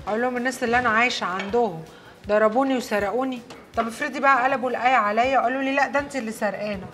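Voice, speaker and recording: A woman's voice: on the high side, lively intonation, racing, noisy background, close to an everyday voice. An actress with an Egyptian accent playing a betrayed young working woman in a TV drama, given to wailing curses. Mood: glum. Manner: wailing curses when distraught. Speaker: maid in a TV drama. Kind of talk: Egyptian TV series acting.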